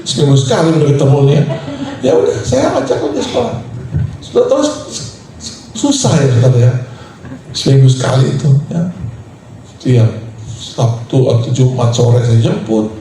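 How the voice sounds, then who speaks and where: A pastor preaching a sermon, telling a personal story in a lively, storytelling way and laughing as he goes. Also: mid-range voice, normal speed, long pauses, slight background noise. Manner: storytelling, animated, laughing through anecdotes. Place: church sanctuary. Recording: echoey church hall from far off.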